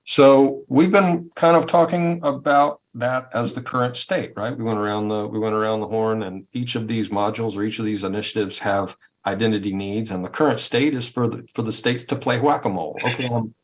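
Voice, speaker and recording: A man's voice: fairly low pitch, steady tone, brisk, few pauses. A man giving a conversational webinar presentation over a video call, thoughtful and given to repeating words as he builds his points. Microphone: video call headset or laptop mic.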